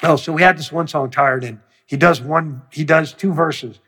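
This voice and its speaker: A man in an interview with a husky, slightly raspy voice, spinning a long anecdote. He talks loosely and profanely, and he jumps into the voices of the people in his story as he goes. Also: on the high side, normal speed. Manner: profane, animated storyteller who acts out quotes. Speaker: music producer.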